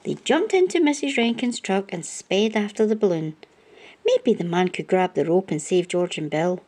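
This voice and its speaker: A woman narrates a children's storybook aloud with plenty of expression. Her voice is mid-range and her pace is moderate.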